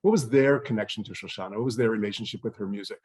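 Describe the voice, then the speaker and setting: A man hosting a film interview, asking questions in a brisk, friendly way. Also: on the low side, a little mellow, husky. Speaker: interviewer, festival host. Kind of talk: interview conversation.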